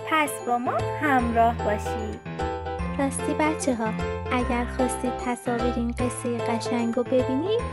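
A woman narrating a rhymed bedtime story for children in a gentle, slow, sing-song way. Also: high voice. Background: background music.

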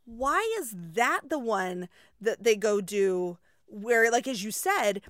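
A woman's voice: mid-range voice, slow pace, no echo, clean studio sound. Chatty woman choir teacher co-hosting. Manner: animated, chatty, asks rhetorical questions. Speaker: choir teacher, podcast co-host. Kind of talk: casual chat.

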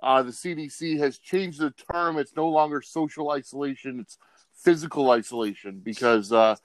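A man's voice: a little high, moderate pace, dry recording. A man hosting a sports podcast in casual talk, with a loose, rambling delivery. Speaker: podcast host.

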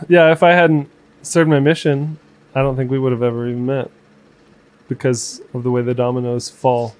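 A man in his twenties chatting casually as podcast co-host, reflective and halting, with fillers and restarts. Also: mid-range voice, flat delivery, a little mellow. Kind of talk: casual conversation.

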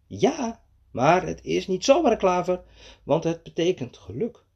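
Man voices a giddy storybook mannikin, husky and high, bouncy lilt, lo-fi audio. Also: sing-song, unhurried, darkish tone, exaggerated voice. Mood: delighted. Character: cheerful overconfident little male mannikin.

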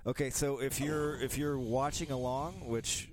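A man's voice: mid-range voice, steady tone, normal speed, crowd noise. A man co-hosting a casual film commentary, talking in a rambling, self-deprecating way. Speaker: podcast co-host. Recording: clearly noisy background.

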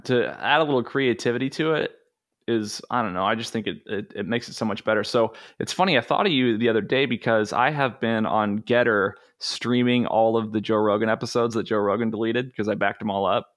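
A man's voice: medium pitch, a little fast, a bit bright. A man talking as a podcast guest, telling crude stories in a loose, laughing way. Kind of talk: casual comedic podcast chat.

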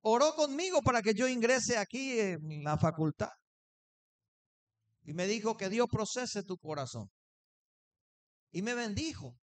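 A man's voice: sits high, big pitch swings, a little slow, long pauses. A man preaching a sermon, telling a personal story and acting out the dialogue. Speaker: pastor.

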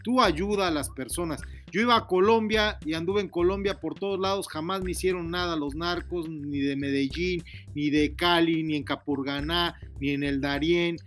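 A man's voice: a little high, moderate pace, hardly any pauses, a bit bright. A man talking to his daughter in a casual heart-to-heart, earnest and preachy, lecturing her about humility. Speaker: father giving advice.

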